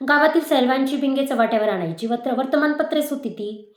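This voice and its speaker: A woman teacher telling a moral story aloud in a measured, expressive way. Her voice sits on the high side and carries through an echoey room. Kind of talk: storytelling reading.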